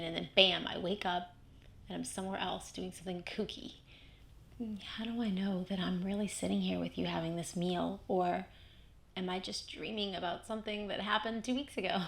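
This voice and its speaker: Weary, doubtful wife played by a woman, mid-pitched with vocal fry, drifting delivery, naturalistic horror film. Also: little pitch movement, moderate pace, fairly bright tone, a little hiss or hum. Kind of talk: naturalistic found-footage horror acting.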